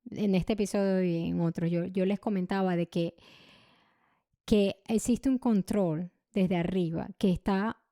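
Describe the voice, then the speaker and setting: A young adult woman hosting a podcast, telling a personal story in an emotional, halting way with many restarts and repeated words. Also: on the low side, steady tone, mellow, no room sound, studio quality. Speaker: podcast host.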